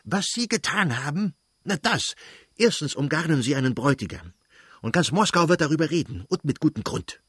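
A man's voice: fairly high pitch, sing-song, slightly rough, no room sound, studio quality, pitched above the performer's own voice. A man voicing a hot-tempered elderly prince who scolds his wife in scornful outbursts, in a reading of a novel. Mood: ranting. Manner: blustering, scornful, quick outbursts.

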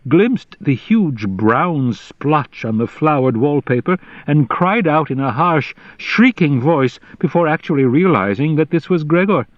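Measured male audiobook narrator. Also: a little high, animated, no echo, muffled recording. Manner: measured, deliberate reading. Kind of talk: scripted literary narration.

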